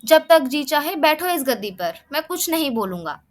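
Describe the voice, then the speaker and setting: A woman's voice: high-pitched, sing-song, moderate pace. A woman voicing a proud, commanding male king in a children's storybook tale.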